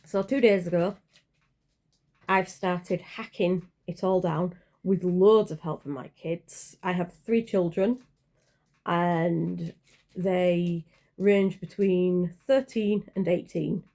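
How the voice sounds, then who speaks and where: A woman's voice: fairly low pitch, fairly even intonation, slow pace, mellow. A woman in her forties chatting casually in a vlog, rambling and hesitant, with many fillers and self-corrections. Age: 40s. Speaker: channel creator.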